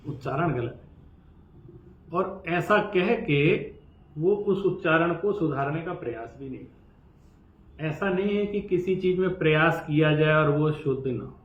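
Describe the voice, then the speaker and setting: A man in a teaching role lectures on scripture, slowly chanting verses before explaining them in a lively, conversational manner. His voice sits somewhat high. The recording is roomy and echoey, with a dull, muffled tone.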